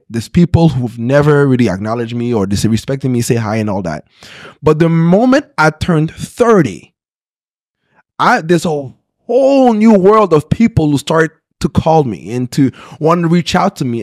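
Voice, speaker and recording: Recorded on a close studio mic in a small podcast room with no echo, a pastor in his 30s earnestly tells his personal story in an interview, restarting often and checking in with "right?". His voice is a little high and a little mellow.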